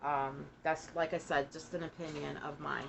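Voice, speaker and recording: A woman with a low, bright-edged voice talks casually to her viewers in halting phrases. She sounds short of breath, and music plays behind her. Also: flat delivery, creaky, a little hiss or hum, low-quality recording. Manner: halting, broken phrasing with pauses. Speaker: vlogger giving a personal family update. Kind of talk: casual, personal monologue to camera.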